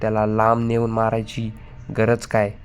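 A man reading the lines of a hot-tempered adult brother in a flat, read-out way. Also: lowish voice, moderate pace, slight background noise, lightly acted.

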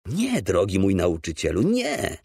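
A man's voice: deep voice, huge pitch swings, measured pace, vocal fry, darkish tone, husky, no echo, studio quality, voice pushed down, heavily acted. A man voicing a devoted middle-aged father in an audiobook, speaking earnestly and pleadingly. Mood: earnest comforting. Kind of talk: audiobook character voice.

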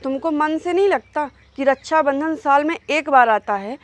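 A woman's voice: sits high, normal speed, a little hiss or hum. A woman playing a wife in a comedy sketch, insistent and taunting toward her husband. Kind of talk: scripted comedy sketch acting.

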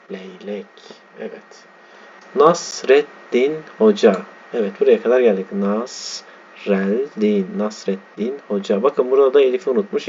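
A man teaching a lesson, reading a text aloud slowly and spelling out its letters and words as he explains them. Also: lowish voice, warm tone. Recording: dull lo-fi sound with faint background noise.

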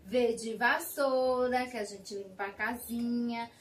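A woman with a Brazilian Portuguese accent teaching a kindergarten class, drawing out each syllable slowly for small children. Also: a little high, fairly even intonation, echoey room, far from the mic. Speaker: preschool teacher. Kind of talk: slow sing-song kindergarten lesson. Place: school classroom.

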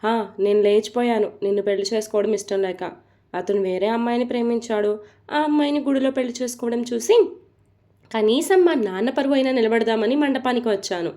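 A hurt young wife who snaps back with reproach in a spoken storybook, played by a woman narrator. The voice is fairly high and mellow. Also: fairly quick, close to an everyday voice. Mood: angry. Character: young wife, hurt, angry and sharp-tongued.

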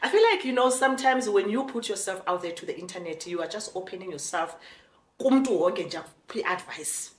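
A woman's voice: medium pitch, fairly quick. A woman in her forties with a South African Xhosa accent, chatting frankly to camera in a casual vlog and mixing in Xhosa phrases. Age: 40s. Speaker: vlogger. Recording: echoey room with faint music.

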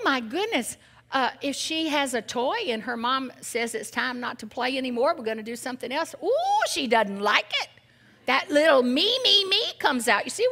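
Older woman, sermon, high voice, bright tone, animated, drops to near-whispers, chatty, humorous. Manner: animated, swings from loud exclamations to hushed near-whispers; chatty and humorous, asks the audience questions. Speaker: guest speaker. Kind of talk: sermon at a women's church event.

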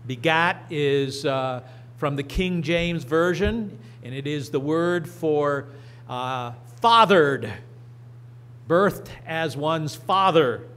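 A middle-aged man preaching and reading scripture from a church lectern, slow and deliberate with emphatic rises. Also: on the high side, a bit bright. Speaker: pastor. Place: church sanctuary. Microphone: lectern microphone.

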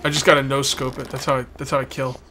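A man's voice: mid-range voice, flat delivery, quick pace. A man giving casual, rambling gameplay commentary as a let's play host, repeating himself and talking with a sore, bitten tongue. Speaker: host of a video game let's play series. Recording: background noise, game ambience behind voice. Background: video game ambience.

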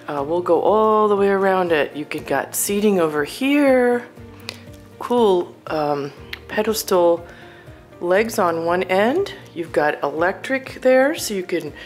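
A realtor showing a home for sale narrates a casual tour of a furnished house, sounding admiring and exclamatory. Her voice is fairly low, expressive, and slow, recorded indoors on a handheld camera with faint music behind.

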